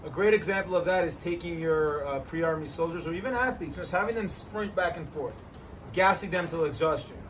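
A man hosting a casual outdoor chat, giving energetic, joking fitness advice beside an ice bath. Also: a little high, fairly quick, far from the mic, a little hiss or hum, low-quality recording. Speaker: host, trainer.

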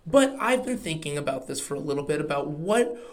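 A young man with an Oklahoma accent and a slightly high voice chats on a podcast. He is informal and candid, reflecting as he talks. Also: expressive, fairly quick. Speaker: podcast co-host. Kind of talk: casual podcast chat.

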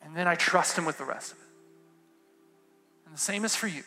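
A man preaching a sermon in a casual, conversational way, dropping to a hush and then rising to fervent emphasis. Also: fairly high pitch, brisk, faint music behind. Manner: swings from hushed to fervent emphasis. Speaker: pastor. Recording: long hall reverb.

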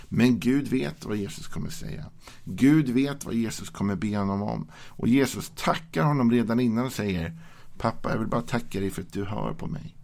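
Man, devotional sermon, low voice, gravelly, calm and gentle. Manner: reads scripture then explains it in a calm, gentle way. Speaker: preacher.

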